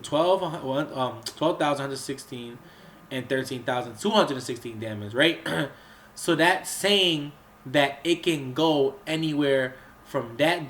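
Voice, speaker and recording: Here a man under the weather drifts through a game's crafting menus, his voice on the high side, slow and a bit bright, though a cold makes it sound slightly off. As a gaming channel host he rambles casually, coughing, clearing his throat, and piling on fillers and restarts.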